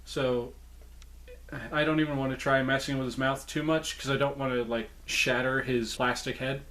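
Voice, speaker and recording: A man's voice: mid-range voice, flat delivery, normal speed, fairly bright tone, a little hiss or hum. A man giving a casual, informal show-and-tell monologue as a presenter, chatty and often correcting himself as he goes. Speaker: presenter showing a puppet collection.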